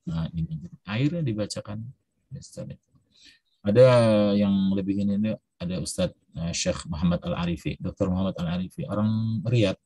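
A man's voice: low-pitched, moderate pace, mellow, slightly rough, no room sound. A man telling a story while teaching an Arabic class, acting out the dialogue.

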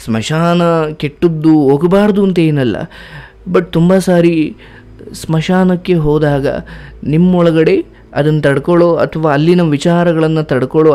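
A man's voice: fairly high pitch, moderate pace, mellow. A man giving spiritual advice as a host, earnest and preachy, ending with blessings. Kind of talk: advice talk.

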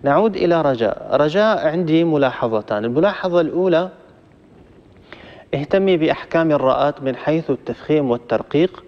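A man's voice: fairly high pitch, expressive, quick pace. A man teaching Quran recitation rules, patiently explaining them step by step to callers in a live class. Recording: roomy, muffled audio.

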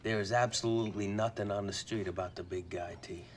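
An actor playing a blunt mobster giving a report, low and gruff, TV drama. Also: male voice, steady tone, fairly quick, a little hiss or hum, close to an everyday voice. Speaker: mob associate in a TV drama. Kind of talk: TV drama acting.

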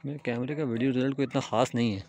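A young man narrating a casual travel vlog while walking a village road, explaining step by step with pauses and fillers, filmed on a handheld phone at arm's length. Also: mid-range voice, steady tone, vocal fry, darkish tone. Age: young adult. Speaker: travel vlogger. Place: outdoors on a hillside village road. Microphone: phone camera held at arm's length. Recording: faint outdoor ambient noise.

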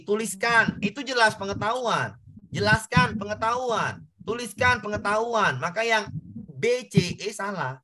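Bright, high-voiced male tutor. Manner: explains exam answers, repeating points and addressing students. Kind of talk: online class lesson.

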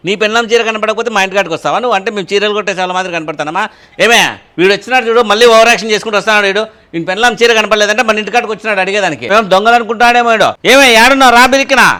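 A man in a comedy skit mocks and dismisses his neighbor at a very fast clip. His voice is fairly high, and he sounds amused and scornful. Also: pushed and bright.

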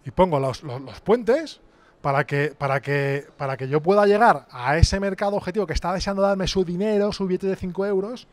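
A man in his thirties with a high-pitched, slightly fast voice runs an interactive business workshop from a stage in a big exhibition hall. Speaking through a headset mic, he keeps quizzing the crowd in a lively way, peppering his talk with tag questions.

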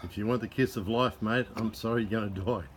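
A man's voice: on the low side, fairly even intonation, fast talker, crowd noise. A man chatting casually, prompting someone with short questions. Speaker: off-camera questioner. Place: backyard garden, outdoors. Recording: faintly noisy outdoor phone recording.

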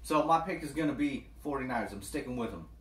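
Male vlogger, casual and hyped, slangy, mid-pitched, roomy echo. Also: fast talker, a little hiss or hum. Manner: excitable, slangy, says "bro" often. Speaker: sports picks vlogger. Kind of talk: casual vlog talk. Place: apartment.

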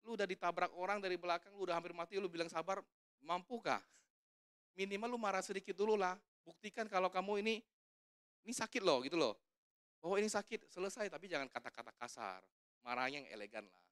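A man's voice: sits high, fast, a bit bright, clean tone, dry recording, clean studio sound. A man preaching a conversational sermon at a church service, casual and joking, putting questions to the congregation. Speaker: evangelist preaching.

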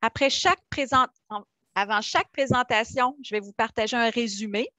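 A fairly high-voiced woman with a Québécois French accent moderates a live online webinar. She talks with chatty enthusiasm and plenty of hesitations. Her voice comes through dry and close, with little room sound, over a video call. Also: moderate pace, pushed and bright, no room sound. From Quebec, Canada. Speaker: webinar host.

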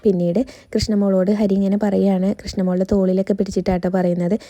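A woman reviewer retells a serial's plot in a casual, chatty way, reading each character's lines in her own voice. Her tone is very dark and mellow, and her pitch stays flat. The recording is close and dry, with no room sound. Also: quick pace, dry recording.

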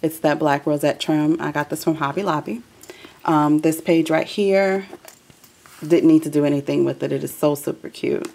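A woman's voice: deep voice, steady tone, moderate pace, dark tone. A woman hosting a craft video, chatting loosely with many ums as she shows her work at a table. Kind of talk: casual craft walkthrough.

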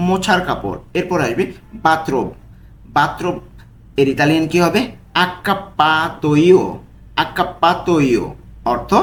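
Patient man teaching vocabulary slowly. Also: on the high side, fairly bright tone, slight background noise, poor audio. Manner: repeats each word slowly and patiently. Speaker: language tutor. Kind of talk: vocabulary lesson.

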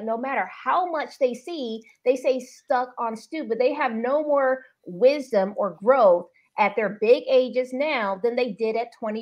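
A woman chatting on a podcast, exasperated and sarcastic. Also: sits high. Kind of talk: casual commentary chat. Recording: muffled lo-fi audio.

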